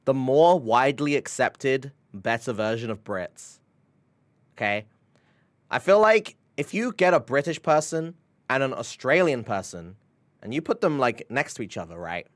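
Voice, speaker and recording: A man's voice: medium pitch, animated, normal speed. A young man chatting casually on his live stream, rambling with lots of "like" and "bro", laughing and swearing often.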